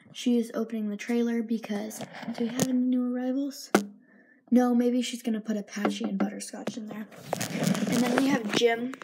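A young girl with a slightly high voice films a tour of her toy horse barn in a room at home, holding the phone in her hand. She chats casually, sometimes dropping to a whisper, and there's background noise.

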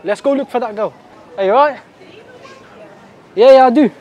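Over a loud crowd and heavy background noise, this twenties prank vlogger from London throws out slangy roadman banter at a moderate pace, his pitch extremely high. The setting is a large clothing store and shopping centre, and the tone is brash and casual.

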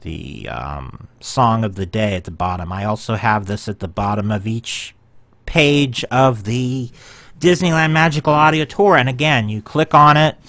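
In a screen-share, a man gives a casual tour of his own website, rambling a bit with plenty of ums and corrections of himself. His voice is medium-pitched and fairly bright, paced in a measured way, with no echo.

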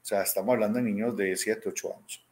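His voice is lowish and darkish, with fairly even intonation and a quick pace, and there's a little hiss or hum on the recording. A robotics teacher in his thirties with a Colombian accent from Medellín, he's interviewed over video call from a small room at home, casually telling stories, acting out quoted dialogue, and often saying "¿cierto?".

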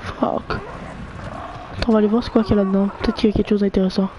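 A gamer chats live with friends mid-game, excitable and cheering teammates on while mixing in English slang and swearing. His voice is mid-range and fast. The recording is muffled with slight background noise.

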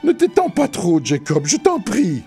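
A man's voice: high voice, wildly swooping pitch, a little slow, creaky, mellow, husky, soft background music, voice pushed up, exaggerated voice. A man voicing a frightened old male miser who pleads in a broken, quavering voice. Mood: pleading.

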